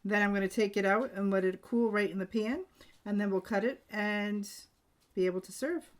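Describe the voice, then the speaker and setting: A woman hosting a home cooking show, walking through a recipe step by step in a relaxed, homey way, in a kitchen. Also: medium pitch, moderate pace. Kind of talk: casual cooking demonstration. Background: clinking dishes and pans.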